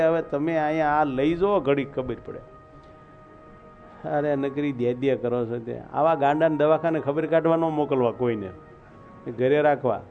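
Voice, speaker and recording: A male preacher with a slightly raised voice, telling a devotional story in plain folksy talk. He breaks into slow chanted verses now and then. The recording sounds dull and lo-fi, with faint music underneath. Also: on the high side.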